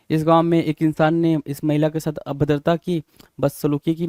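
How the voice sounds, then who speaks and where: A man with a slightly high voice and a dark tone spells English vocabulary words letter by letter in an exam-prep lesson. He prompts students with rhetorical questions, often saying "bhai?" The recording is dry with clean studio sound.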